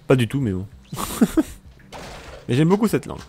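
A man's voice: mid-range voice, big pitch swings, normal speed, dark tone, slight background noise. A man doing casual, joking commentary over his own gameplay, exclaiming at the action and talking to his viewers. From France. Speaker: let's play commentator.

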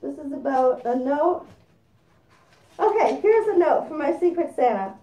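A woman's voice: high voice, lively intonation, a little slow, mellow, roomy sound, distant mic. A woman chatting casually as she unboxes gifts while speaking through a costume head. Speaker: vlogger.

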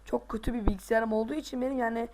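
A male gaming host giving casual let's play commentary, excitable, groaning and boasting to himself as he plays. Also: very high voice, rapid-fire, a little hiss or hum.

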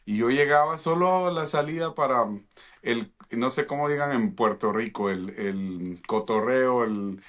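A man's voice: mid-range voice, a little slow, fairly bright tone. A middle-aged man from Guatemala, a guest on a talk show, telling his love story in a playful, joking way into a studio mic. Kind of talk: casual chat. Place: home studio. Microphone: studio mic with headphones.

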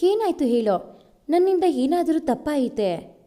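A woman voicing a gentle, loving young husband who speaks tenderly and reassuringly in a storytelling recording. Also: high voice, very animated, unhurried, voice pushed up. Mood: anxious.

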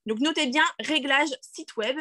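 Woman on a video call walking her team through a site, high voice, dry close sound, lots of "d'accord?". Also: unhurried, pushed and bright, dry recording. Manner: chatty, many fillers and restarts, checks in with "d'accord?"; self-deprecating, laughs at her own English. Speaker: network marketing team leader. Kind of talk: screen-share tutorial on a video call.

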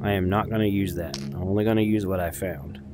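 A man's voice: sits low, steady tone, brisk, background noise. A man giving casual, rambling gameplay commentary as a video host, chatty, informal and self-deprecating.

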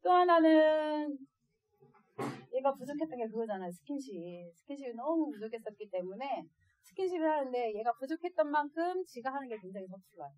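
A woman speaking as an adoptive mother to other parents, telling stories in a lively way and often laughing. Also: high voice, brisk, no room sound, lo-fi sound. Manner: lively, acts out quoted voices and laughs often. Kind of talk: storytelling lecture to parents.

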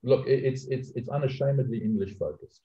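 On a webinar panel about outsourcing, a middle-aged man with a South African accent talks emphatically via video call from his home office, repeating words as he restarts often. His mid-range voice is fairly quick with a dark tone, and the call audio sounds dull, lo-fi and echoey.

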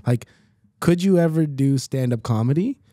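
A man's voice: mid-range voice, expressive, moderate pace, mellow, no room sound. A young man co-hosting a podcast, joking and asking the questions in casual chat, on a studio mic in a small home studio. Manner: jokey, leads the questions. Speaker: podcast co-host. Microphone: studio mic with headphones.

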